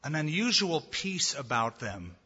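A man's voice: fairly high pitch, very animated, unhurried, sharp tone, breathy edge, big-room sound, highs cut off. A male pastor preaching emphatically, asking the congregation questions and ending in prayer. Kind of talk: sermon and closing prayer.

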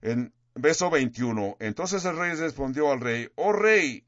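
A man preaching a sermon, reading scripture dramatically and stretching key words slowly for emphasis. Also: medium pitch, lively intonation, dry recording. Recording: dull lo-fi sound.

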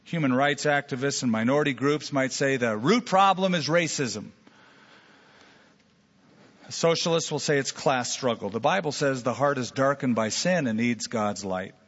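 A man's voice: medium pitch, moderate pace, fairly bright tone, big-room sound, lo-fi sound. A man preaching a sermon as pastor, telling stories and acting out imagined voices to make his point.

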